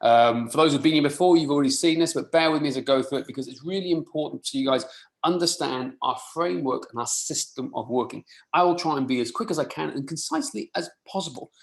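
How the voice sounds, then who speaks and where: Fast and creaky, a man's higher-pitched voice delivers an informal webinar as a fitness coach. Raised in rural mid Wales with Welsh as his first language, he is heard through roomy, echoing live audio.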